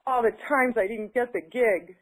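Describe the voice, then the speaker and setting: Her voice is fairly high and her speed normal. As a client in a tapping session, she echoes affirmations back and then talks casually, hesitating with lots of fillers when speaking freely.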